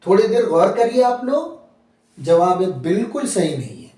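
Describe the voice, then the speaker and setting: In a classroom lecture on English grammar, a man with an Urdu accent spells words letter by letter and asks and answers his own questions. His high voice is dark-toned and sing-song, at a normal speed. The mic sits at a distance in an echoey room.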